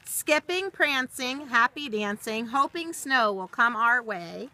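Reading aloud to children from a rhyming picture book, a middle-aged woman tosses in casual asides while standing in a snowy backyard. Her fairly high voice is animated, bright and forceful, and her pace is slow. A nearby camera or phone records the scene, with faint noise in the background.

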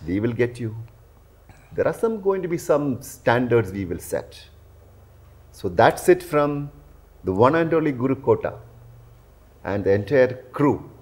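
This host, an aerospace and defense journalist, conducts a promotional interview indoors in a living room, speaking earnestly with lots of "you know." His medium-pitched, darkish voice swings widely in pitch, moving at a measured pace with long pauses.

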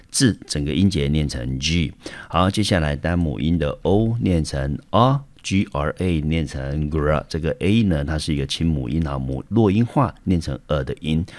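A man with a Taiwanese Mandarin accent, an English teacher explaining a vocabulary lesson step by step, often starting sentences with a filler. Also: rumbling low. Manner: steady explanatory, frequent "好" fillers.

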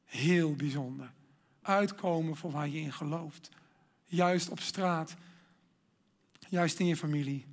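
A man giving a sermon, earnest and emphatic, building up to loud exhortation. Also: on the high side, slow pace, pauses often.

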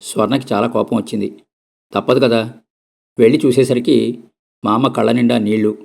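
A man narrating a short story, reading aloud in a steady, conversational way. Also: medium pitch, gravelly. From Andhra Pradesh.

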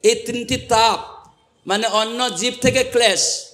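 A monk preaching a devotional sermon to a live audience, asking it rhetorical questions and quoting scripture. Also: male voice, very high-pitched, fairly even intonation, slow pace, a bit bright.

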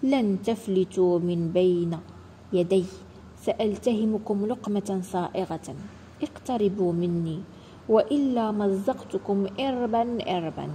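A woman's voice: mid-range voice, a little slow, mellow, big-room sound, a little hiss or hum, close to an everyday voice. Woman voicing a greedy, starving wolf. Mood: gleeful. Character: hungry greedy male wolf, boastful and eager.

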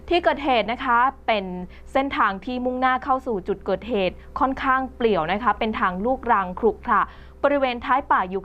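A woman presenting the news in a conversational reading style, with frequent polite particles. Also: a little high. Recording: slightly dull recording with faint music behind.

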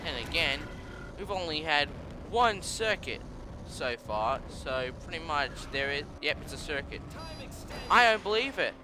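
A young man commenting on his own racing game play, swearing and shouting at his opponents, his voice worn from yelling. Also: fairly high pitch, very animated, a little slow, over music. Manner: frustrated, swears and yells at opponents. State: voice strained. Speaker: let's play gamer. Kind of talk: gameplay commentary.

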